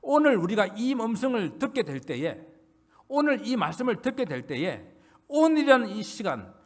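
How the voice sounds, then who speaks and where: A man preaching a Sunday sermon as a pastor, earnest, building emphasis and then dropping low at the ends of phrases. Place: church sanctuary.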